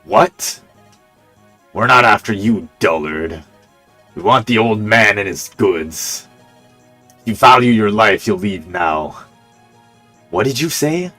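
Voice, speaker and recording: A man voicing a gruff, greedy male bandit who sneers and blusters. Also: on the low side, lively intonation, takes it slowly, pauses often, pushed and bright, faint music behind, heavily acted. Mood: menacing.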